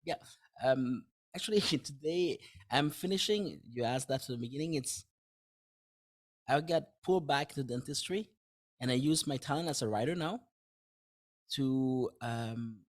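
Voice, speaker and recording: A French-speaking man, a dentist and author appearing as a guest on a podcast, chats casually in an unhurried, mid-range voice. He thinks out loud using simple words, often restarting his phrases and laughing lightly as the interview goes along.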